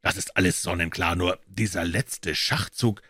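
A man voicing a confident, impatient male detective explaining his reasoning briskly. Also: sits low, fairly even intonation, bright, forceful tone, breathy edge, no echo, clean studio sound, exaggerated voice.

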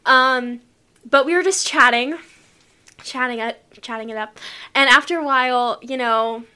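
A young woman chatting casually and telling stories in an animated way, acting out what was said. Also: sits high, unhurried, clean tone. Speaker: sibling vlog host. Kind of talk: casual chat and storytelling.

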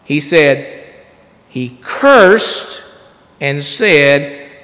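A man preaching a sermon to a congregation in a folksy, rambling way and reading scripture aloud, his voice hoarse. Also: a little high, animated, very slow, fairly bright tone, in a large hall. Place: church before a congregation.

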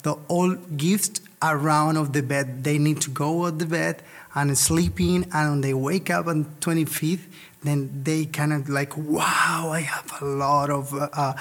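A man from Colombia, a native Spanish speaker with a Colombian accent, chatting about church and home in halting English and searching for words. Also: a little high, steady tone, a bit bright. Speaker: Spanish worship director at a church. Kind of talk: casual interview chat.

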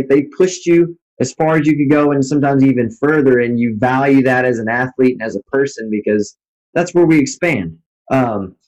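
A man's voice: mid-range voice, darkish tone, dull audio. A man hosting an interview, asking loose, meandering questions with lots of fillers. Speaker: interviewer, host.

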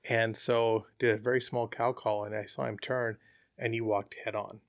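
A man's voice: lowish voice, moderate pace, no room sound. Chatty man, dry close sound. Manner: relaxed, chatty, with frequent fillers. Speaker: hunter, interview guest. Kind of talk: casual storytelling.

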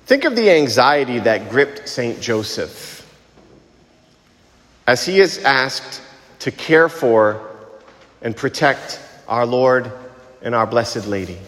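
A man serving as a priest, reading the gospel and preaching a homily in a measured, deliberate way, his voice carrying a cathedral-like echo. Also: mid-range voice, a bit bright. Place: large church. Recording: long church reverb.

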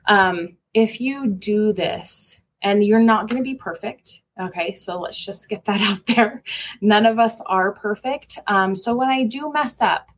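A woman speaking as a parenting educator in a relaxed, conversational way. Her talk is informal, with frequent ums and restarts. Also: medium pitch, unhurried, a little hiss or hum.

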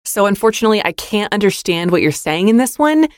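Podcast host, friendly constructive notes, mid-pitch, dry close mic. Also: big pitch swings, fast talker, no echo. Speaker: podcast host, demo reviewer. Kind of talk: instructional podcast critique.

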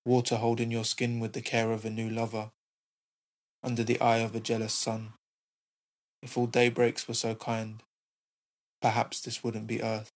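Very even-toned male poet reading. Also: medium pitch, normal speed, long pauses. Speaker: poet and short story writer. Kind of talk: spoken-word poetry reading.

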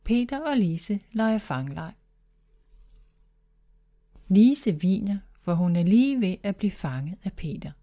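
Woman narrator for a children's story, calm and clear, mellow voice. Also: medium pitch, long pauses.

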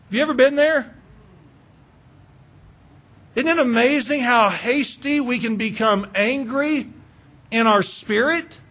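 High-voiced man preaching a sermon. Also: slow, long pauses, bright, forceful tone. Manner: asks the listeners many rhetorical questions; repeats words as he builds a point. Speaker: pastor.

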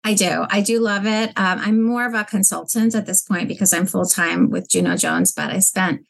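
A woman's voice: medium pitch, normal speed, vocal fry. A woman founder answering interview questions in an earnest, reflective way. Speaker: guest, business founder.

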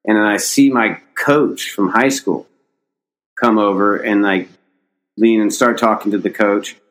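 Low-voiced man telling a rambling story. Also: fairly even intonation, measured pace, fairly bright tone, poor audio. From United States. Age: middle-aged. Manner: rambling, many restarts, swears casually. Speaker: podcast guest, skateboarder. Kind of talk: casual storytelling.

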